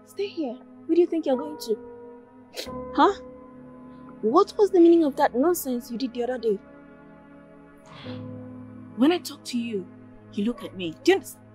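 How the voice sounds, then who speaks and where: A woman's voice: high-pitched, animated, moderate pace, pauses often, a little mellow, faint music behind. A young woman, playing a bossy, haughty senior prefect who scolds and gives orders. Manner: commanding, scolding.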